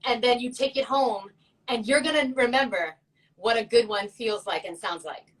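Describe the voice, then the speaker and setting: A chatty woman with a fairly high voice, joking and laughing as she talks. She sounds a little distant, set back from the microphone. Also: normal speed, slight background noise. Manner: chatty, laughing, playful asides. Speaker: co-host. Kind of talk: casual chat.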